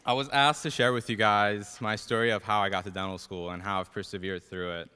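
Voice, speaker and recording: A young man with a Persian accent speaks in a bright, fairly low voice. He gives a self-deprecating, slightly nervous student speech at a ceremony, and his words carry a long hall reverb. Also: little pitch movement, a little fast, clean tone. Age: young adult. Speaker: dental student class president giving a speech.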